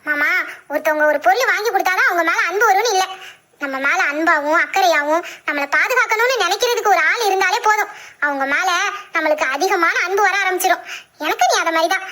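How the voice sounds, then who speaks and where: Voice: very high voice, fast talker, bright, forceful tone. A performer voicing a sweet, affectionate young girl in an audio drama, talking earnestly and fondly with light giggles. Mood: tender. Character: sweet affectionate young girl who adores her uncle.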